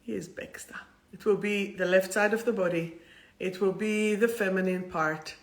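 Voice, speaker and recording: This Israeli-accented woman hosts a spiritual livestream talk, speaking at normal speed in a mid-range voice with fairly even intonation. Her manner is effusive, playful and rambling.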